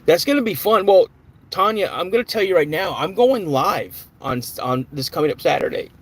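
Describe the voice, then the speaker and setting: A man's voice: high voice, animated, normal speed, husky. A man hosting a live stream in a casual, chatty way, greeting viewers by name and answering their comments.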